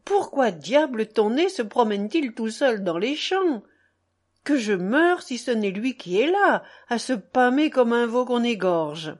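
A woman reading aloud and voicing a tiny, lively man who is cheerful and teasing, with playful exclamations. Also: a little high, unhurried. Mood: astonished.

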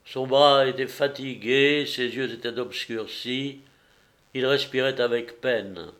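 A man reading a historical novel aloud in a measured storytelling manner. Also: medium pitch, fairly even intonation, a bit bright. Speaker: narrator.

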